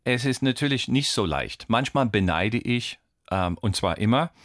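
A man's voice: medium pitch, expressive, normal speed, fairly bright tone, no echo, clean studio sound. A middle-aged American man, a comedian speaking German as a second language, telling stories animatedly and acting out voices, with frequent fillers. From United States. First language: English. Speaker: comedian guest. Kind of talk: casual radio interview chat.

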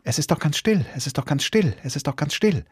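A man voicing a frightened young boy in a storybook reading, in a raised, husky voice. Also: medium pitch, big pitch swings, normal speed, no room sound, studio quality. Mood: puzzled.

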